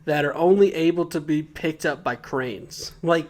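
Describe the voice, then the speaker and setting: A man's voice: a little high, a little slow, a little mellow. A man co-hosting a podcast, recapping an episode from his notes in a casual, joking way and laughing often. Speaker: podcast co-host.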